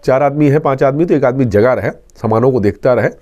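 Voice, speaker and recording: A man playing a police inspector answers interview questions, earnestly instructing and repeating his main points while giving safety advice. His mid-range voice is brisk with a darkish tone.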